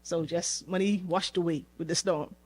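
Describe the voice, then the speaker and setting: A young woman from the Bahamas, talking casually as a podcast guest, relaxed and chatty, laughing easily and repeating words as she goes. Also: on the low side, moderate pace. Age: young adult. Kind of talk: casual interview chat.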